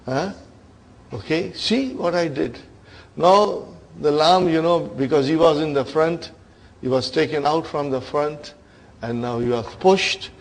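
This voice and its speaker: Man, Arabic grammar teacher, classroom lesson, engaging check-in questions, slightly high voice, slow pace. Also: creaky. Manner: engaging, frequent "huh?" check-ins; addresses class as brothers and sisters.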